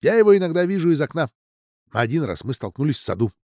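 A man voicing chattering teenage schoolgirls at a boarding school, in a raised, bright voice. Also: big pitch swings, fast talker, no room sound, clean studio sound. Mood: girlish chatter. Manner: bright, giggly, raised pitch.

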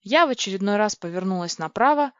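A woman reading a first-person storybook aloud in a lively, excitable, girlish way. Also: mid-range voice, fast, no echo. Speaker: audiobook narrator. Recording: dry, dull lo-fi recording.

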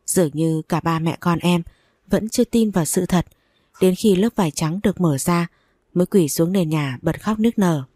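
A woman narrating a first-person audio story in a steady, even reading voice. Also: on the low side, moderate pace, dry recording, studio quality.

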